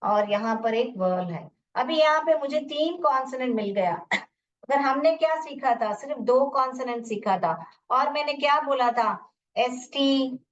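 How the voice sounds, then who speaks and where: A woman teacher explaining syllable division step by step, sounding words out slowly and mixing in English teaching phrases. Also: high-pitched, lively intonation. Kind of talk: phonics lesson to parents or teachers. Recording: muffled, distant from the mic.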